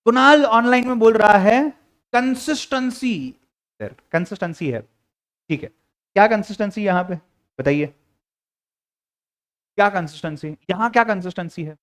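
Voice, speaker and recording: Young indian guy teaching a class, highish voice, bouncy, keeps nudging students to answer. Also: animated, normal speed, pauses often, a bit bright. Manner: coaxing, playful, asks students to answer. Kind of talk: interactive classroom lecture.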